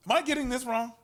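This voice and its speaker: A man with a high, bright voice banters on a stream with a very lively pitch. He mocks the others, often sinking into a deep put-on voice for laughs. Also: slight background noise. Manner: mocking, dips into a deep put-on voice.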